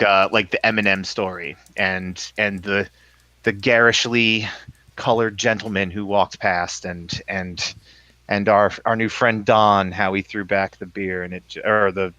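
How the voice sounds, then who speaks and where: Low-voiced rambling man playing a tabletop game. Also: little pitch movement, measured pace, pushed and bright, no echo. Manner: rambling, laughs often, many fillers. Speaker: player. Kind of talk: casual tabletop game chat.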